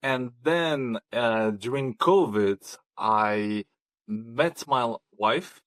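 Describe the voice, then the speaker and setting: A man's voice: mid-range voice, drawn-out words, fairly bright tone, dry recording. Hesitant man from Kazakhstan. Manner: hesitant, many ums and restarts. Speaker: podcast guest. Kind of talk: conversational interview.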